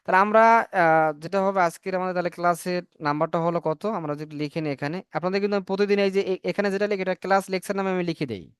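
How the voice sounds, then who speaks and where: A man's voice: high voice, fairly even intonation, fast, smooth, no echo, clean studio sound. A man teaching a spoken English class on a video call, explaining in Bengali, asking and answering his own questions and spelling words out letter by letter. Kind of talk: online class lecture. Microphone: computer mic on a video call.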